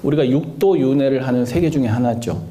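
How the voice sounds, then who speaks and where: A man's voice: mid-range voice, a little fast. A man preaching a Buddhist sermon, who keeps asking the listeners questions and answering them himself. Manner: asks the listeners questions and answers them, with lively rises and falls. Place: temple dharma hall.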